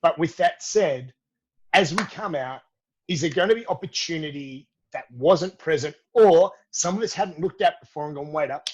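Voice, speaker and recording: In lo-fi sound, a middle-aged Australian man with an Australian accent, a fitness educator on a podcast, answers interview questions at normal speed. His slightly high voice has a breathy edge, and he stays upbeat and friendly, addressing the host as mate.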